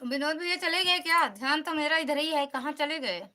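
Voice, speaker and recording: Hosting a relaxed live stream, this Awadhi-accented woman from Uttar Pradesh, India, chats away, welcomes commenters by name, and urges viewers to back one another and return. Her high-pitched voice sounds pushed and bright at a moderate pace.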